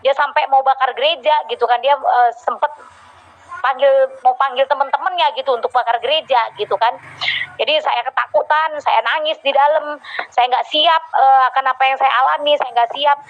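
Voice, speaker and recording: Woman, church testimony, heartfelt storytelling, hesitant fillers, higher voice, dull lo-fi recording. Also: fairly even intonation, normal speed. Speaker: church member giving testimony. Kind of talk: personal testimony to a congregation.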